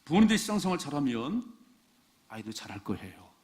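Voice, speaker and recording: A man's voice: fairly high pitch, big pitch swings, fast talker, darkish tone. A man preaching a sermon as pastor, speaking straight to the congregation with frequent rhetorical questions.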